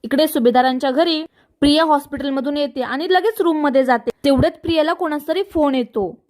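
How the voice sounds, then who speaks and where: A woman narrating a recap of a television serial episode in a steady, scripted storytelling style. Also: high voice, fairly quick.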